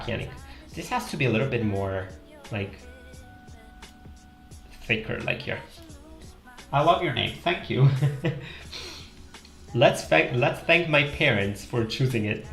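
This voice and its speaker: The Italian host, a young adult man, chats with stream viewers as he draws, musing aloud with many fillers and an Italian accent. His mid-range voice is gravelly and a bit bright. He's in a small indoor room on a headset, with an echoey sound and faint music behind.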